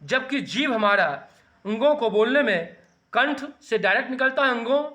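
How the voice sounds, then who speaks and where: Man, high voice, bright tone, teacher sounding out letters. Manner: slow, deliberate, sounding out letters for students to repeat. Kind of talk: Hindi grammar lesson.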